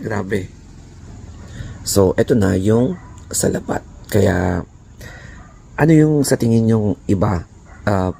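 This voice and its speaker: A man vlogging casually with a hoarse, raspy voice, chatting and slipping in English words and breathy laughs. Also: deep voice, mellow, slight background noise. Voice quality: raspy, croaky voice. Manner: chatty Taglish, mixing in English; laughs breathily between phrases. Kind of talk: casual vlog chat.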